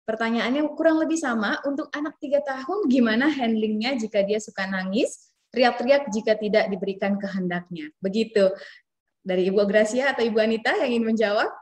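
Polite woman moderating a webinar. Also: fairly high pitch. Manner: polite, brisk, formal.

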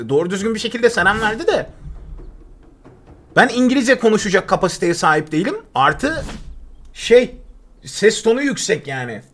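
A young man with a fairly high voice gives live commentary while he plays, rambling to his viewers and teammates. He jokes around and bursts out loudly when something surprises him. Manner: chatty, joking, excitable outbursts. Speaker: gaming streamer.

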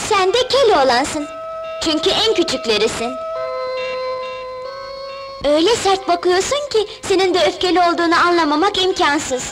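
Gentle young princess, very high, lively voice, film music. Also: female voice, moderate pace, pauses often. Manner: sweet, gentle, wondering. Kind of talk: film dubbing. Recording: dubbed film soundtrack with music.

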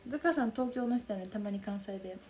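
A young woman with a soft Kansai accent chatting casually on a livestream, reading out and answering viewer comments. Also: on the high side, quick pace, slight background noise. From Kansai region of Japan. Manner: soft, bubbly, chatty with frequent laughs. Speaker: livestream host. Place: room lit by daylight.

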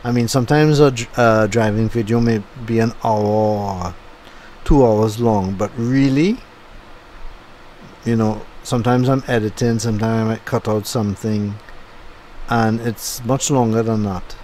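Recorded at home once the drive was over, this voice-over has a middle-aged channel host musing loosely over his footage, full of fillers. He speaks on the low side, a bit slowly, with a steady, darkish tone, and there's slight background noise.

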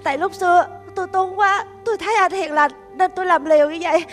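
A woman's voice: extremely high pitch, fast talker, faint music behind. An actress playing a remorseful young mother, speaking in a hesitant, pleading, stammering way. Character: remorseful young mother who gave up her baby. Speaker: actor in a staged skit. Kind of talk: sentimental stage drama.

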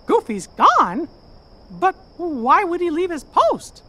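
Cheerful cartoon mouse hero, squeaky falsetto, bouncing pitch, game music under. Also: male voice, huge pitch swings, slow, pushed and bright, full character voice. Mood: earnest. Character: cheerful plucky cartoon mouse musketeer, male.

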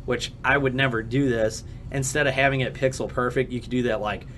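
A man on a casual podcast, walking through technical details with a steady explaining manner. Faint room ambience sits behind his voice. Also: mid-range voice, fairly quick, a little hiss or hum. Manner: technical, explaining gear at length. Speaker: podcast co-host.

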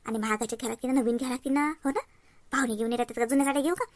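A woman's voice: sits high, fairly even intonation, rapid-fire, no echo. A woman playing a fussy, chattering young wife with a Varhadi Marathi accent in a cartoon.

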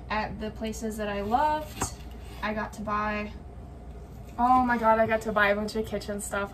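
A woman's voice: mid-range voice, a bit bright, far from the mic, poor audio. Chatty young woman cooking in her kitchen. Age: young adult. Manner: chatty and rambling, many likes and ums. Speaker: vlogger. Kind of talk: casual chat while cooking. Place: home kitchen, indoors. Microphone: camera on the counter. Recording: off-mic with clear room noise.

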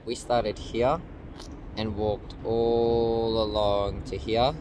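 A young man rambles cheerfully through a travel vlog, his voice sitting fairly low. He films himself on a phone at arm's length. Street noise runs clearly behind him the whole time. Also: little pitch movement, drawn-out words. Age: young adult. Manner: chatty, upbeat, loose and rambling. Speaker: vlogger. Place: outdoors in a city at night. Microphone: phone camera held at arm's length. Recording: noisy outdoor street recording.

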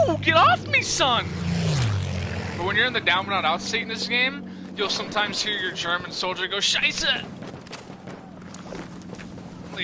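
A man giving casual gameplay commentary, excitable and rambling, swearing freely. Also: high voice. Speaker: gamer. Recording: loud game audio behind voice. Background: gunfire and engine noise.

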